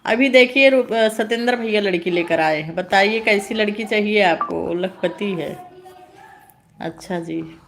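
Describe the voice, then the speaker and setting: A woman's voice: medium pitch, unhurried, slight background noise. A woman hosting a casual live stream, greeting viewers and teasing them with frequent laughter. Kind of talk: casual live-stream chat reading comments.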